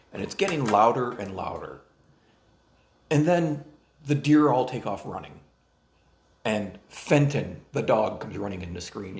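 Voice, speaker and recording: A man's voice: on the low side, gravelly, reverberant. A man co-hosting a casual chat with his partner, telling stories in a wry, teasing, understated way. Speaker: co-host.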